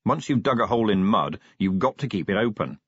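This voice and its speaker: A man voicing a gruff, weary middle-aged watch commander who speaks brusquely and matter-of-factly. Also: lowish voice, lively intonation, brisk, no room sound. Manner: brusque, dry, matter-of-fact. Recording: dull dry studio recording.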